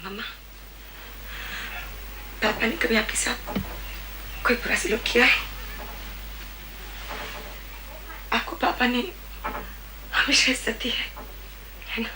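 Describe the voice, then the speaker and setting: A woman's voice: on the high side, steady tone, unhurried, pauses often, lightly acted. An actress in her thirties playing a married daughter who keeps pleading with her mother, in a television drama. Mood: insistent. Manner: pleading, repeats "mamma", mixes in English phrases. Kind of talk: 1990s television drama acting. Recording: hissy old TV archive recording.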